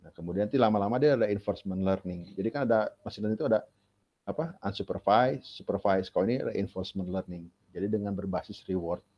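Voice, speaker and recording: A male university lecturer gives a casual, chatty classroom lecture, posing rhetorical questions as he explains. His husky, lowish voice moves at a quick pace. The classroom recording is dull and lo-fi.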